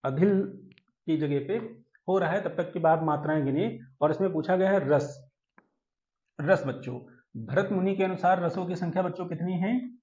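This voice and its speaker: Male exam-prep tutor, high voice, quizzing style, roomy lo-fi recording. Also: darkish tone. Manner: addresses students as "children", quizzes them, chants verse slowly. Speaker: teacher. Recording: echoey room, dull lo-fi sound.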